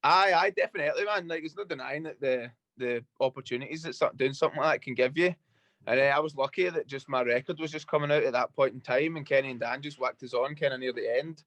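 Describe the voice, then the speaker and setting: A man's voice: medium pitch, fast talker, fairly bright tone, no room sound, muffled recording. A young Scottish man, a guest DJ, chatting in a laid-back, rambling and sweary way in a radio studio interview. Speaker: guest DJ and producer. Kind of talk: casual interview chat.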